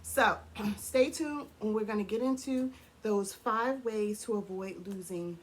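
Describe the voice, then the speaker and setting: Hoarse chatty woman co-hosting. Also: medium pitch, unhurried. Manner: chatty, laughs often, clears throat. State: hoarse, losing her voice. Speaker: co-host of a couple's channel. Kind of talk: casual chat.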